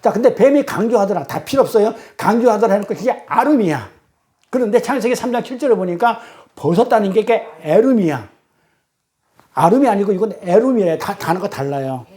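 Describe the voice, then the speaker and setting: A woman preacher giving a teaching sermon at a church service. She keeps quizzing the congregation with rhetorical questions and reads scripture and transliterated Hebrew slowly and deliberately. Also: mid-range voice, animated, mellow.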